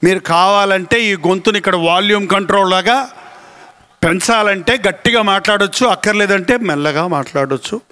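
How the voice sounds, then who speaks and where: A man preaching a sermon, telling lively stories, acting out voices and sounds, and drawing out phrases for emphasis. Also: high-pitched, moderate pace, smooth. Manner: animated storytelling, acting out voices and animal sounds. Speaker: pastor.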